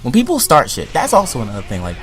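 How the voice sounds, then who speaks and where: A young man in a profane, comedic rant to camera, swinging from loud outbursts to low mutters. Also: quick pace, faint music behind. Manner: animated, heated, swings between loud outbursts and low mutters, filler-heavy. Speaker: vlogger.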